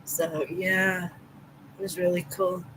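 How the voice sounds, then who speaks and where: Speaking slowly in a fairly low, flat voice with a touch of brightness, a middle-aged woman hosts a livestream, greeting viewers by name with easygoing affection. Her accent is Southeastern Massachusetts, and the poor recording carries a slight hiss or hum.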